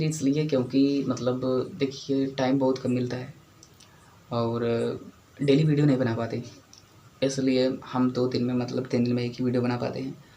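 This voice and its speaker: A man's voice: medium pitch, warm tone, a little hiss or hum, rough recording. A man teaching an English grammar lesson, who keeps repeating key words and asking the class short questions to check understanding. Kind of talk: spoken English lesson at a whiteboard.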